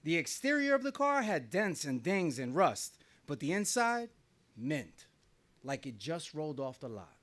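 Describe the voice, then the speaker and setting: Unhurried and fairly bright in tone, this middle-aged New Jersey man's voice sits on the high side and swings widely in pitch. On stage at a small venue, he tells a wry personal story conversationally, often laughing.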